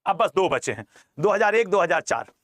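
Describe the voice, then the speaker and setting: Male exam coach, very high voice, dry close sound, jokey lecturing, repeats key terms. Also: very animated, a little fast, a bit bright, dry recording. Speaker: teacher.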